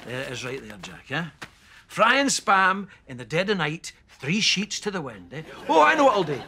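Older man, broad Scottish accent, sarcastic, exasperated, very lively pitch, sharp bright tone, sitcom. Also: moderate pace, slight background noise, exaggerated voice. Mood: exasperated, mocking. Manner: animated, exasperated storytelling. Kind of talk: sitcom dialogue.

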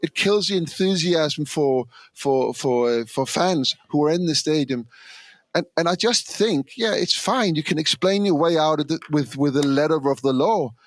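A man's voice: on the high side, expressive, moderate pace, dry recording. A man giving frustrated, emphatic opinions as a football pundit. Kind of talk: remote studio punditry.

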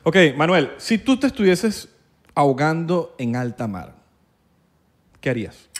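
A man's voice: a little high, big pitch swings, unhurried, background noise. A man with a Venezuelan accent hosting a podcast, playful and chatty. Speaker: podcast host. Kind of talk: casual podcast banter.

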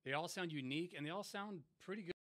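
A young man from San Diego, a music producer hosting a casual software tutorial in a laid-back, slangy, conversational way. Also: on the high side, fast. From San Diego, USA.

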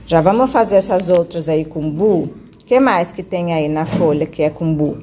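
A woman's voice: fairly low pitch, moderate pace, warm tone, a little hiss or hum. A woman teacher guiding a child through a reading lesson, patiently coaxing and stretching out syllables. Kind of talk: one-on-one literacy lesson.

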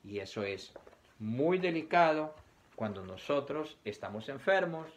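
A man's voice: medium pitch, sing-song, unhurried. A man teaching young children, reading a picture book aloud, asking them questions and acting out sneezes and coughs.

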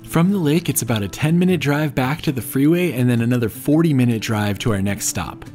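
A man in his thirties narrating a travel vlog, filming himself outdoors in the desert with the camera held at arm's length, upbeat and informative and quick to laugh. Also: medium pitch, lively intonation, darkish tone, faint music behind. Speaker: travel vlogger.

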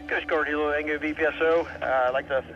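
A village public safety officer calling over a marine radio, speaking haltingly with many fillers. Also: male voice, a little high, fairly even intonation, faint music behind. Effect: heard over a marine radio. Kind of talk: radio call. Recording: dull lo-fi radio sound.

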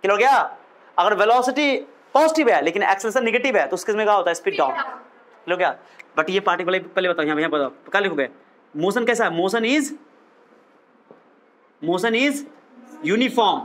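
A man's voice: sits high, expressive, quick pace, fairly bright tone. A man teaching physics in a lecture, asking questions and repeating key phrases. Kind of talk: classroom lecture.

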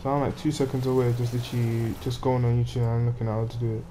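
A man's voice: medium pitch, little pitch movement, quick pace, mellow, slight background noise. Swearing, exasperated gamer man. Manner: frustrated, swearing, ranting at the game. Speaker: gamer playing on stream. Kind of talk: live gameplay commentary.

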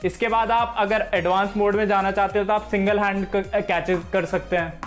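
A young man walks viewers through cricket drills at home, in a friendly, instructive way. He speaks to a camera set across the room. Soft music plays behind him. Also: high voice, steady tone, moderate pace. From Haryana, India. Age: young adult. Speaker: cricket coach.

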